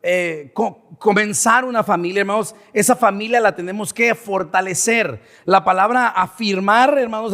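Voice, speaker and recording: A man's voice: high voice, a bit bright, in a large hall. A man preaching a sermon to his congregation, often checking in with "verdad?" as he teaches. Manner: keeps asking the congregation "verdad?". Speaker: pastor. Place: church sanctuary.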